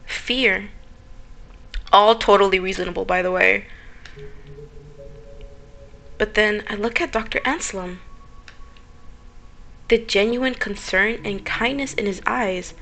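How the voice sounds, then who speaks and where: A woman's voice: a little high, gravelly, bright, forceful tone. A woman playing through a visual novel, reading the narration aloud and adding playful, chatty remarks. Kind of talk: casual game commentary and reading aloud.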